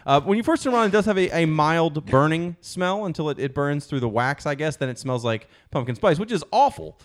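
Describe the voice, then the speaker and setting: A man's voice: on the high side, lively intonation. A man hosting a casual podcast, rambling and self-deprecating as he reviews beers and reads odd news stories. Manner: fast, rambling, self-deprecating, laughs often. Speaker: podcast host. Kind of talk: casual chat and comic news segment.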